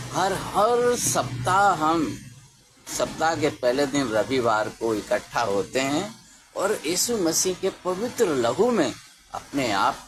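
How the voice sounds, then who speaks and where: A man preaching a sermon slowly and emphatically, raising his voice for stress. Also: a little high. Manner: slow, emphatic, with rising exclamations.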